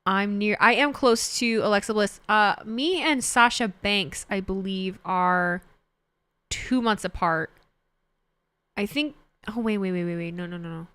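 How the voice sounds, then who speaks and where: Chatty thirties woman rambling on stream, dry close mic, middle pitch. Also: a little slow, fairly bright tone, clear, resonant tone, no echo. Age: 30s. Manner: chatty, rambling, self-correcting. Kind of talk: casual livestream chat, reading chat.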